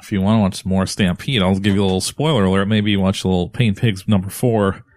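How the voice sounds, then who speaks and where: Deep-voiced man in loose podcast chat. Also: steady tone, quick pace, darkish tone, no echo. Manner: rambling, profane, laughs often. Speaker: podcast co-host.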